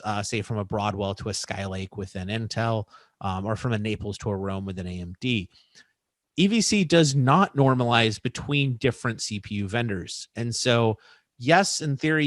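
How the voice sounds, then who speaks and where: A man's voice: medium pitch, a bit bright, dry recording. A man answering technical questions in a casual, chatty way, with frequent fillers. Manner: chatty, uses many fillers.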